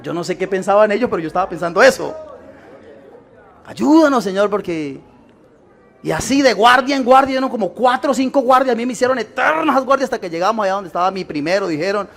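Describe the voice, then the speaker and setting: A man's voice: sits high, fast, creaky, a bit bright. A male Colombian pastor preaching a sermon, addressing the congregation with rhetorical questions and acting out the voices of people in his stories. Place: church gathering.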